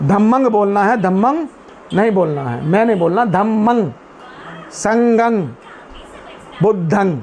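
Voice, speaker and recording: A man speaking to a seated community meeting about Buddhist teachings, putting questions to his listeners and answering them himself, and chanting Pali verses slowly. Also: high-pitched, animated, darkish tone, slight background noise. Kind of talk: explanatory talk to a seated group.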